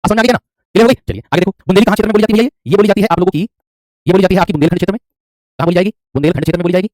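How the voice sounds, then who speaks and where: Male Hindi teacher, rapid-fire delivery, dry close sound, repeats and quizzes. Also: sits high, darkish tone, no room sound. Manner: repetitive, quizzing, calls students "my friend". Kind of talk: online class lecture.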